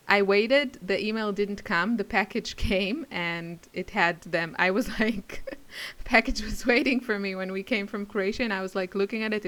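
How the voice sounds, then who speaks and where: With a mid-range, slightly bright voice, a female craft video creator and class teacher rambles and giggles as she chats casually with her viewers on camera.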